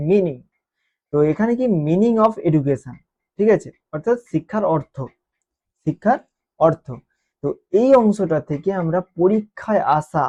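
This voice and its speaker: A woman teacher explaining exam questions, repeating key terms and checking in with quick questions to students. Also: on the low side, warm tone. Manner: repeats key terms and keeps asking "ঠিক আছে?". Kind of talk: exam-prep lesson explanation. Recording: dull lo-fi recording.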